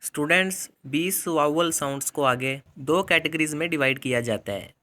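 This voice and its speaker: A middle-aged man teaching students, speaking deliberately, addressing them directly and drilling example words one at a time. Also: on the high side, bright, forceful tone. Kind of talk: explaining phonetics to students.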